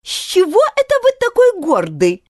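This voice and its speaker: A woman's voice: wildly swooping pitch, moderate pace, no room sound, clean studio sound, exaggerated voice. A woman voicing a fussy, educated male sparrow who talks in nervous, preachy exclamations in a storybook reading. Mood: indignant. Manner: shrill, indignant exclamations.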